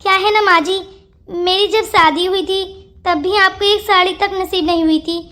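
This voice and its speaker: A performer voicing a warm, sensible young daughter-in-law who speaks sweetly and persuasively. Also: extremely high pitch, fairly even intonation, moderate pace. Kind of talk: cartoon voice acting.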